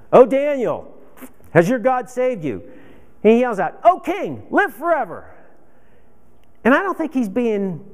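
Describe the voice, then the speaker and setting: A man's voice: high voice, darkish tone. A man teaching a men's Bible study in an informal, conversational way, asking rhetorical questions and acting out the voices from the scripture.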